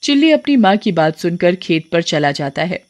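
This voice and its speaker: A narrator telling a cartoon folk story in a scripted, even storytelling manner. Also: medium pitch, normal speed.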